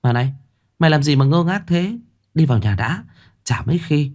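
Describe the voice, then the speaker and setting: A man's voice: fairly high pitch, lively intonation, fairly quick, darkish tone, voice pushed up, close to an everyday voice. A man voicing a guilty young village woman who stammers and pleads. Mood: chatty.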